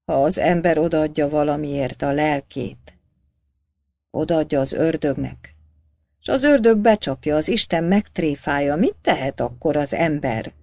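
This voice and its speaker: A guilt-ridden old village priest pleads with fervour, as a woman reading the story puts him on. His voice sits low and gravelly, close and dry, and it swells into anguished cries. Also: dry recording. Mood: grim confession. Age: older. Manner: pleading, then shouting in anguish.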